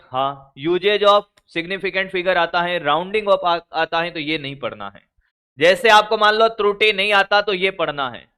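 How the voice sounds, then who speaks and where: High-voiced man lecturing students. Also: pushed and bright, smooth. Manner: scolding, rhetorical questions to students. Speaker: physics teacher. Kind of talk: motivational study advice.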